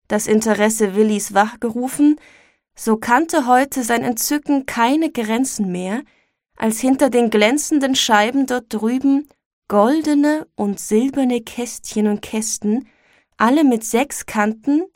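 A woman reading a classic story aloud as narrator, measured and expressive. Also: fairly high pitch, no room sound, clean studio sound.

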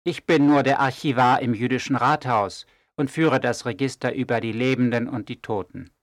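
A man playing a calm, wise scholar. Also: medium pitch, no echo, clean studio sound, natural voice. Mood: firm. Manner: calm, measured, gently ironic. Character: calm wise male archivist, mild and teasing. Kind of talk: audio drama acting.

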